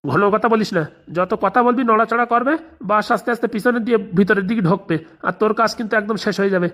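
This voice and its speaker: A performer voicing a menacing male henchman in a comic cartoon, gruff and threatening. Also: medium pitch, fast, fairly bright tone, natural voice.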